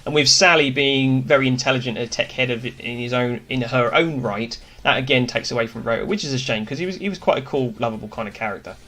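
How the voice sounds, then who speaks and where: A man's voice: medium pitch, quick pace, hardly any pauses, pushed and bright. A man hosting a casual cartoon review, talking through his opinions in a chatty, enthusiastic way. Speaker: host.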